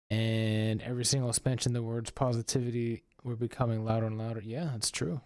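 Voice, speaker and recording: A man's voice: mid-range voice, a little mellow. A man casually chatting to his viewers while playing a game, reading and answering chat. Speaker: streamer. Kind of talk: casual live gameplay commentary.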